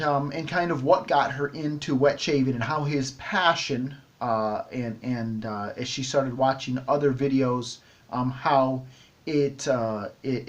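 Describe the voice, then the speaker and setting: A middle-aged man hosting a shaving vlog, talking casually to camera with many ums and restarts. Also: a little high. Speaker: shaving video host.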